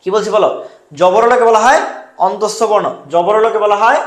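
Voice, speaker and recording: A man's voice: sits high, a little fast, echoey room. A man tutoring students for a university entrance exam, drilling answers over and over and quizzing them. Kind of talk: online exam-prep lesson.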